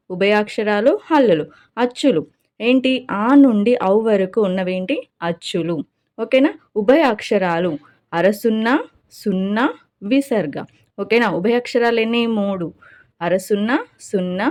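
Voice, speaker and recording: A woman's voice: medium pitch, a little mellow. A woman giving an exam-prep grammar lesson. She asks questions, answers them herself, and keeps checking that her listeners follow. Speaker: teacher.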